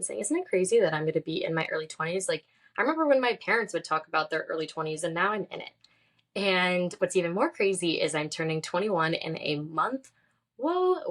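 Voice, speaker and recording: A woman's voice: fairly low pitch, gravelly, fairly bright tone. A young woman in her twenties from California, hosting a casual solo podcast, chatty and upbeat with a few laughs. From San Diego, California. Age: 20s. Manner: chatty and upbeat, laughs often, says "like" and "literally". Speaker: podcast host.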